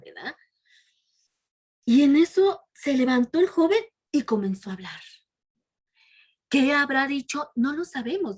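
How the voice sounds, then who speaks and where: Breathy, lively woman telling a Bible story to children. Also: fairly high pitch. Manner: keeps adding a soft "¿verdad?" tag; sometimes drops to a whisper.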